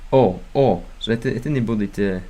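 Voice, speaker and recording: This lowish, warm male voice moves at a normal speed. He's a young guy from the United States chatting on a casual stream, hesitantly stumbling through beginner Russian and correcting himself amid plenty of fillers and false starts.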